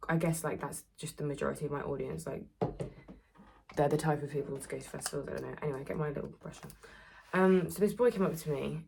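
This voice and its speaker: Young woman with a low gravelly voice. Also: steady tone, fast talker, darkish tone, a little hiss or hum. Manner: chatty, rambling, lots of "like". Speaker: influencer. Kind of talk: casual storytime chat. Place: home, doing beauty routine.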